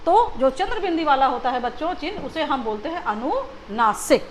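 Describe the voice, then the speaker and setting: Woman teacher, high voice, patient and repetitive, faint background noise. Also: sing-song, normal speed. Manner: patient, repeats questions to children. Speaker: school teacher. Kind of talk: classroom Hindi lesson.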